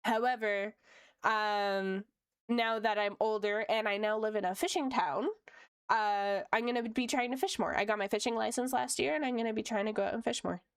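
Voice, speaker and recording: Chatty woman, clear and close. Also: mid-range voice, fairly even intonation, moderate pace, no echo. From Canada (Ontario). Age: late 20s. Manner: chatty and upbeat, laughs often, lots of fillers. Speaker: streamer and VTuber. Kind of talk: casual chat while drawing on stream. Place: home room.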